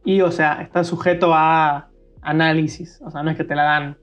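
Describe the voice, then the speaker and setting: A man with an Argentine accent, co-hosting a podcast in casual chat and explaining things quickly, with restarts and fillers. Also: on the high side, flat delivery, muffled recording, soft background music. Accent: Argentine Spanish. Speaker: podcast co-host.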